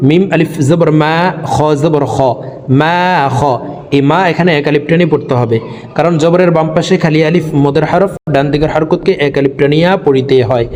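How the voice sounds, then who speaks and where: A man in a recitation lesson, spelling out letters and vowel marks one at a time with patient care. His voice sits a little high. A long hall reverb trails behind every phrase. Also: fairly even intonation, moderate pace, darkish tone, slight background noise. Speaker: Quran reading teacher.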